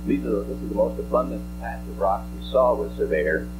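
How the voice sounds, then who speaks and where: A man with a low voice lectures through a slide presentation. He explains technical detail in a halting, deliberate manner, on an archival recording with hum and musical tones underneath. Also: expressive, over loud music, low-quality recording. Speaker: scientist presenting slides at a press briefing. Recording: archival press-conference audio with hum.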